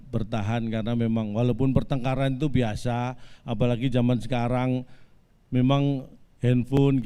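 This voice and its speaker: A man in his forties telling a deadpan comic monologue, addressing the audience politely and spinning absurd twists with a straight face. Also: medium pitch, clear, resonant tone. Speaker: stand-up comedian. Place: virtual family gathering.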